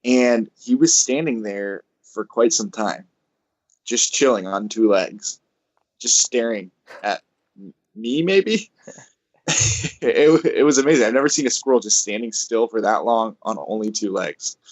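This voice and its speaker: Laughing, animated man telling stories. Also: fairly low pitch, measured pace, lo-fi sound. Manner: animated, laughs often, acts out voices in anecdotes. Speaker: coach, podcast guest. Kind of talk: casual interview storytelling.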